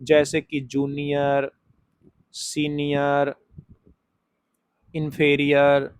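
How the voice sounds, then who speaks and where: A man teaching an exam-prep English grammar lesson, explaining step by step, repeating key words slowly and asking and answering his own questions as he writes on a board. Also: a little high, monotone. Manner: writes on a board while talking.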